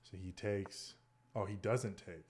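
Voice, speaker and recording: A man thinking aloud as he plays online chess, muttering moves and often dropping to a hushed near whisper. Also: sits low, fairly even intonation, measured pace. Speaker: chess streamer.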